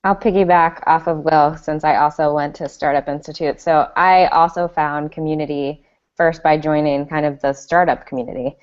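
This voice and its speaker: A young woman from Maryland, speaking briskly and plainly on a panel video call. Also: low voice, steady tone, clear, resonant tone. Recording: muffled video call audio.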